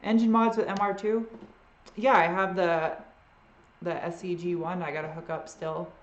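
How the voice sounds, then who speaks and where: A woman hosts a live Q&A with a lowish, flat voice at normal speed and a touch of a Boston accent. Her answers to viewers are casual, rambling, and uncertain, often trailing away, and the sound is roomy and lo-fi.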